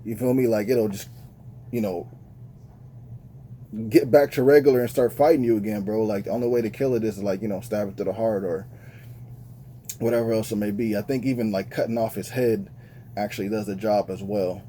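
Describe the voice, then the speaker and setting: A man's voice: lowish voice, fairly even intonation, brisk, pauses often, dark tone, slight background noise. A man giving a casual, slang-filled movie review with lots of fillers, talking straight to his viewers. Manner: laid-back slangy talk, many fillers.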